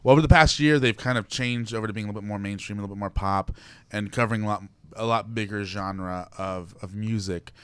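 Fast, bright-voiced excitable young man. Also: on the low side, smooth, no echo. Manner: animated, excitable storyteller. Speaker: guest. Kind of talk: casual radio interview storytelling.

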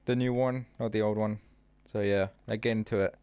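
Laid-back gaming host guy, smooth clear voice, chill chat. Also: on the low side, steady tone, fairly quick, dark tone, dry recording. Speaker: channel host. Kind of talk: casual gameplay chat.

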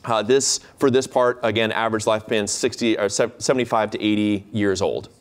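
A man's voice: lowish voice, fairly even intonation, fairly quick. Man giving a joking keynote. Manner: chatty and jokey, many fillers and restarts. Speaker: keynote speaker, instructor. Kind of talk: lecture keynote to alumni. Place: large lecture hall stage.

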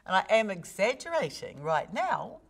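Being interviewed on a podcast, a New Zealand woman who coaches speaking walks through technique, performing her examples expressively. Her creaky voice moves at a moderate pace, with big swings in pitch used for demonstration.

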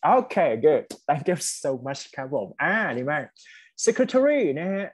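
A man's voice: on the high side, slow. Chatty man teaching an online class. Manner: chatty and encouraging, switches between two languages mid-sentence. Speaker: university English lecturer. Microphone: computer mic on an online video class.

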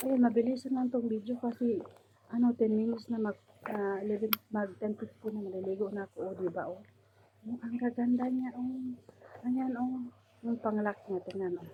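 A Filipino woman vlogger chatting casually and showing things to the camera, with many fillers. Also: on the high side. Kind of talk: casual vlog. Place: indoors, room of a household abroad. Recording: tinny phone-like sound, faint noise.

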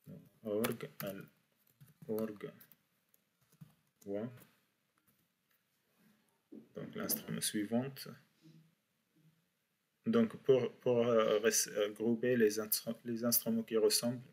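Slow, low-voiced teacher. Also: male voice, husky. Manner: slow, repeats words for learners. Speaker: Arabic teacher. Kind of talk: university language lesson.

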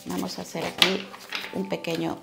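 A woman's voice: on the low side, flat delivery, normal speed, vocal fry, over loud music. A woman reading tarot cards for her viewers, speaking affectionately and tagging her sentences with little questions. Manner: affectionate, with frequent tag questions. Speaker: tarot card reader.

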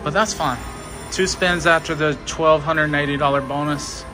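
Loud machine music blares across the casino floor as a man vlogs at a slot machine, coaching his friend with brief casual remarks, counting along and pushing the game on. His pitch is fairly high, his intonation fairly even, his speed normal.

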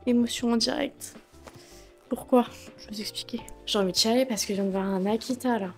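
A woman's voice: on the high side, fairly quick, darkish tone, faint music behind. A woman vlogging casually to a phone camera, chatty and slangy, with a blocked nose and congested throat. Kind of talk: casual vlog chat.

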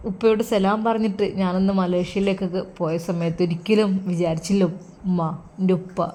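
A woman's voice: mid-range voice, steady tone, brisk, dark tone, close to an everyday voice. A woman voicing a grieving, devout young son who speaks earnestly to his mother. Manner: earnest, pleading, sorrowful.

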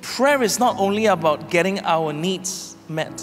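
A male pastor at a pulpit microphone, leading a prayer and preaching in short measured phrases with pauses for an interpreter. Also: high-pitched, lively intonation. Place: large church hall. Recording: long hall reverb with music behind. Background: instrumental music.

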